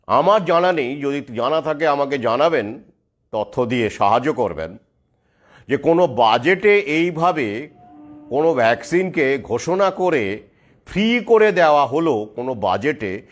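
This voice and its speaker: A man speaking straight to his viewers in an urgent monologue, stressing his points with rhetorical questions. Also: mid-range voice. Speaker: video commentator.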